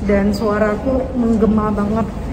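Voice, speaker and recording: A woman's voice: mid-range voice, steady tone, unhurried. A woman vlogging as she walks through an old, empty underground station passage, her voice echoing off the walls as she chats to her viewers. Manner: chatty, addresses viewers directly. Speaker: travel vlogger. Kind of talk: casual walking vlog. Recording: echoey underground passage with clear background noise.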